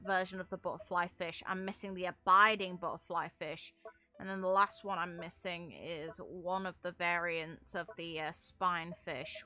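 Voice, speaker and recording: Streaming a game, a woman with a fairly low, sharp-toned voice rants through casual, rambling commentary. She sounds blunt and exasperated and swears freely.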